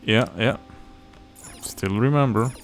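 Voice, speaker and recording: A let's play host comments casually while playing a video game, offering wry, rambling asides. He speaks slowly at a medium pitch over the game music.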